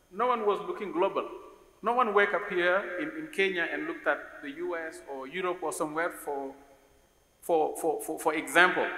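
A man's voice: sits high, bright, forceful tone. A Senegalese man in his forties, an investor on a conference panel, speaking thoughtfully and often repeating words as he searches for the next phrase. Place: large conference hall stage. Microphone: stage microphone on a stand. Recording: roomy hall reverb with faint hiss.

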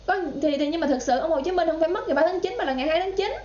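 A woman's voice: extremely high pitch, racing, darkish tone. A woman with a Southern Vietnamese accent giving political commentary in a vlog, indignant and talking straight to her viewers. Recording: roomy, slightly dull sound.

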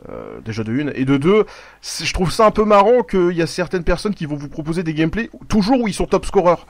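A man narrating his own gameplay in a casual, rambling way, his voice sitting a little high. He swears freely and breaks off mid-sentence whenever something happens in the game. The talk runs on loosely, like chatting with viewers over a desk mic. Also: huge pitch swings, fairly quick, slight background noise. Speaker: gaming YouTuber. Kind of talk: live gameplay commentary.

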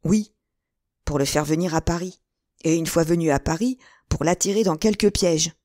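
A woman's voice: fairly low pitch, normal speed, mellow, no room sound, clean studio sound, close to an everyday voice. A woman reading aloud and voicing a nervous middle-aged male shopkeeper and landlord, hesitant and fussy. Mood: confiding.

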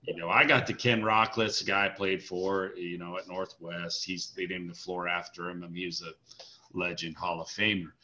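A man's voice: low voice, flat delivery, moderate pace, bright, forceful tone, lo-fi sound. A man hosting an interview, reacting with enthusiasm and chatting casually with his guest. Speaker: interview host.

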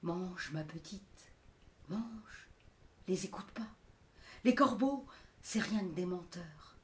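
A woman voicing an old grandmother who talks in a hushed, soothing, coaxing way, partly whispered. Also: on the low side, drawn-out words, recorded from a distance, pitched below the performer's own voice.

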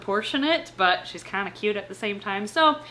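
A young woman hosts a reptile channel from her living room couch, chatting casually in an expressive, playful way and reading some passages aloud. Her voice is mid-range and brisk, and the clear recording carries some background room noise.

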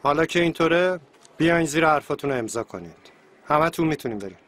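A man's voice: a little high, expressive, a bit bright, a little hiss or hum. A man dubbing a stern male police captain who scolds and gives orders. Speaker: police officer. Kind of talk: dubbed TV drama dialogue.

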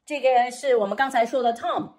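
A middle-aged woman teaching young children through interactive storytelling, animated and exaggerated, repeating phrases and asking questions. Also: fairly high pitch, brisk. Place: indoors at home, small room.

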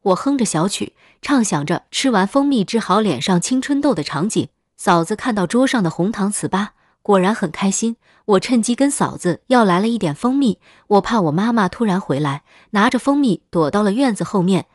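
A woman narrating a first-person horror story in a steady, matter-of-fact scripted read. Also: mid-range voice, moderate pace, hardly any pauses, no echo, studio quality.

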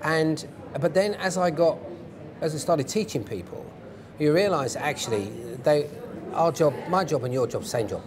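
A man's voice: on the high side, expressive, moderate pace. A British man in his fifties explaining things in an interview in an instructive, emphatic way, repeating phrases for stress. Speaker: interview guest, former police hostage negotiator. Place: indoor event interview stage. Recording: crowd murmur behind voices. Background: crowd murmur.

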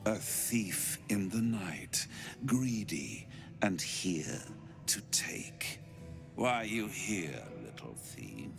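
An actor playing a sly, seductive incubus demon in a video game, theatrical and purring, with drawn-out words and whispered asides. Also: male voice, lowish voice, creaky, exaggerated voice. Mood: menacing, sing-song. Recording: music behind the voice. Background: game music.

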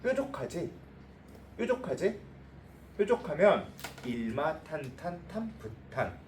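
A man's voice: fairly high pitch, sing-song, takes it slowly, darkish tone. A male math teacher lecturing a class in a blunt, informal way, checking again and again that the students got it. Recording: echoey room, voice from a distance, faint noise.

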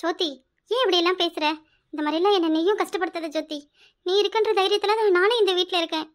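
A high-voiced performer playing a loyal, righteous young woman who speaks earnestly and firmly. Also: quick pace, fairly bright tone. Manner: earnest, then stern.

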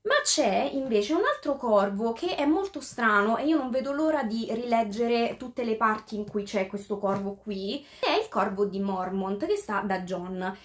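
A woman reviewing a book in a casual, thinking-aloud way, full of fillers and restarts, sometimes reading passages out in English. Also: fairly high pitch.

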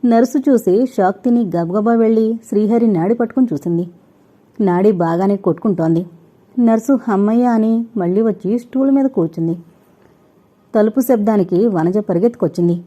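Woman reading a novel aloud, steady, dull lo-fi sound. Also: mid-range voice, normal speed. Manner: steady, storytelling. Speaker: audiobook narrator. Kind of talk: scripted novel narration.

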